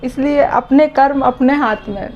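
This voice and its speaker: Woman vlogger, 30s, heavy-hearted and slow, higher voice, lo-fi recording with faint noise. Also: darkish tone. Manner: slow, heavy-hearted, voice dropping low at times. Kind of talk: emotional personal vlog talk.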